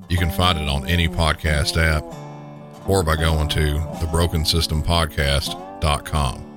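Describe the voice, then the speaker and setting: A man with a deep Southern US accent, hosting a podcast in scripted true crime narration. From southern United States. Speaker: podcast host. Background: guitar music.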